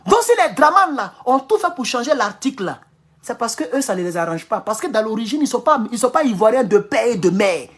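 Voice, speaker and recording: A man from Ivory Coast with an Ivorian French accent, giving an animated, casual political monologue at home, repeating phrases and chuckling often. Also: extremely high pitch, fairly quick, breathy edge. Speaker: political commentator. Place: at home in his kitchen.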